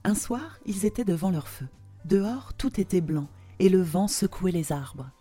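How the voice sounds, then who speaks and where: A woman narrating a storybook tale in a slow, expressive telling. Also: fairly low pitch, soft background music.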